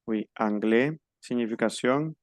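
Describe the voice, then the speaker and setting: A man teaching a French class over a video call, patiently slowing down to model pronunciation. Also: mid-range voice, no echo. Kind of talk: online class instruction.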